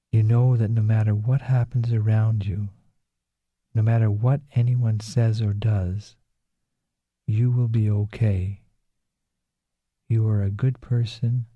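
A man reading a guided relaxation script in a slow, soothing, calm way. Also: fairly low pitch, no room sound. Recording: dull lo-fi recording.

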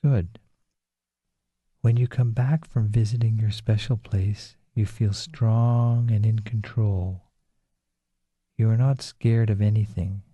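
A man reading a guided relaxation script in a slow, soothing, calm way. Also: lowish voice, husky, no echo. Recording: dull lo-fi recording.

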